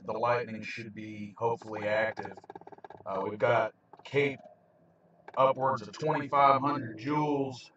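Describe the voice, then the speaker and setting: A man's voice: mid-range voice, steady tone, unhurried, a bit bright, slight background noise. Man storm chaser, distant roomy sound. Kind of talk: explaining weather radar to viewers. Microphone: handheld camera, away from the mouth. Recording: roomy, dull, distant handheld camera mic.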